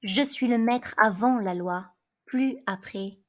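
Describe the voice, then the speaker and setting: A woman's voice: fairly high pitch, slow pace. A woman reading a stern, weary king. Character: older man, stern king, weary and firm. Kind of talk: reading a play aloud.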